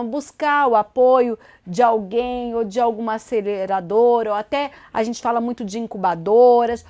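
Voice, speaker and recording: A Brazilian woman hosting a TV studio interview, asking long, measured questions. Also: a little high, mellow. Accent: Brazilian Portuguese. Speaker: TV interview host.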